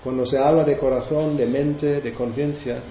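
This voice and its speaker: A man's voice: medium pitch, steady tone, normal speed, slight background noise. A man leading a devotional class, explaining verses in a hesitant way with many restarts. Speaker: spiritual teacher. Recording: roomy, dull recording.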